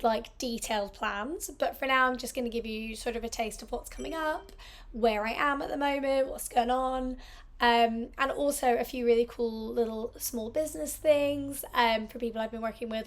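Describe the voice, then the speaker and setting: A hoarse woman in her thirties from the United Kingdom, losing her voice and chatting in a rambling, upbeat way with lots of asides in her home sewing vlog. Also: fairly high pitch. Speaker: sewing vlogger. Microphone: small mic at the bottom of the frame.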